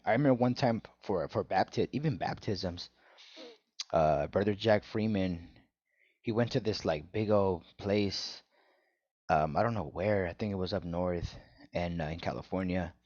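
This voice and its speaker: Animated young man telling stories, dull dry mic. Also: deep voice, a little slow, no echo. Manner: animated storyteller, says "bro" a lot. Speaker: former church member, co-host. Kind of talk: casual podcast chat.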